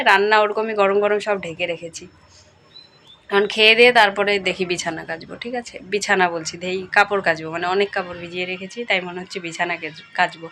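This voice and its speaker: A young woman vlogger chatting casually through a home voice-over, speaking softly and often checking in with her viewers. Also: medium pitch, a little hiss or hum. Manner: speaks softly late at night. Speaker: daily-life vlogger.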